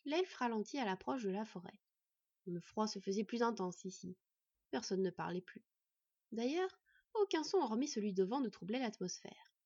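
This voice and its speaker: A woman reading a fantasy story aloud in an expressive storytelling manner. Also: medium pitch, moderate pace, husky, dry recording. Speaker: audiobook reader. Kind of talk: scripted fantasy narration. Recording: dull lo-fi recording.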